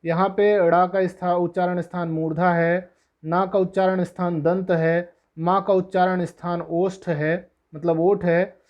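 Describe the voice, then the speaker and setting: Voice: mid-range voice, flat delivery, a little slow, dull audio. A Sanskrit teacher giving a lesson, repeating each letter one by one, asking questions and answering them, and adding English glosses for terms. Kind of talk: classroom-style lesson explanation.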